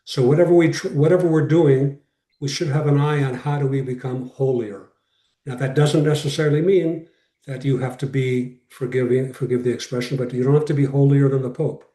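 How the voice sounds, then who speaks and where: A man's voice: medium pitch, fairly even intonation, fairly quick, warm tone. A man speaking as a rabbi in an informal class over a video call, making his points emphatically with repetition and short phrases. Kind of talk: informal lecture with question and answer. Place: online video call session. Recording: roomy echo, distant from mic.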